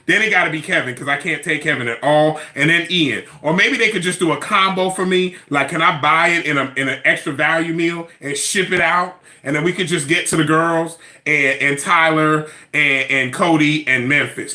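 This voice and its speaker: A man recapping a reality show in casual, sassy commentary, animated and repeating his phrases for emphasis. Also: on the high side.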